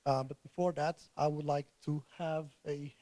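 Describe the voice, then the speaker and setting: Man, hoarse, fairly high voice, halting restarts, conference talk, dry sound. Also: steady tone, warm tone, no room sound. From Portugal. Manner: halting, repeats words as he restarts. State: hoarse, recovering from illness. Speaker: conference speaker. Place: conference room before an audience.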